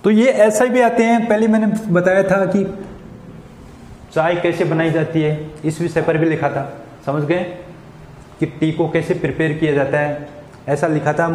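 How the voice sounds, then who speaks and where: A man's voice: on the high side, a little mellow, echoey room, long reverb tail, a little hiss or hum. A man teaching an English lesson, asking questions and answering them himself, often checking "got it?". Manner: repeats questions and answers them himself, frequent "samajh gaye". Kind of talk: classroom lesson explaining English to Hindi speakers. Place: school classroom.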